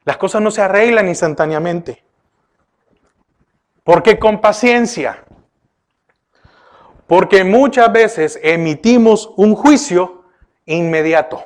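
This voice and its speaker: A male pastor delivering a sermon, questioning his listeners often and turning from emphatic bursts to hushed remarks. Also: high-pitched, slow pace, long pauses. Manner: preaching with repeated rhetorical questions to the congregation; often addresses listeners with "oiga" and "¿verdad?".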